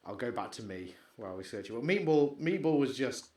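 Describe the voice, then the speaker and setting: Guy rambling on a podcast, excitable, mumbles off when distracted. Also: medium pitch, a little fast. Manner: rambling, excitable, trails off into mumbles while searching. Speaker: podcast co-host. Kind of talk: casual chat.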